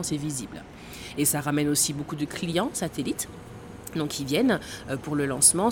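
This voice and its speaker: A woman in her thirties with a low voice gives interview answers over background noise. Born in Guadeloupe and raised in French Guiana, she works as a tour guide at a space center and explains things hesitantly, using many fillers and laughing now and then.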